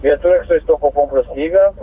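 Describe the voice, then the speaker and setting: A man's voice: fairly high pitch, quick pace, husky. A man with a Brazilian accent working as a police radio dispatcher, formally and courteously reading out codes and numbers over two-way radio. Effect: two-way radio transmission. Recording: tinny narrow-band police radio.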